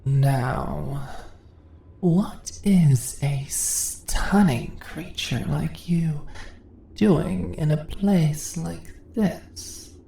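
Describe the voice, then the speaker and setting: Here the spider-monster roleplay takes a mellow turn: a woman in full character voice, low, breathy and a bit creaky, speaks extremely slowly and often falls to a whisper. She mocks and commands, seductive and controlling, stretching out teasing, condescending questions. The fantasy ASMR clip has roomy echo and faint background noise.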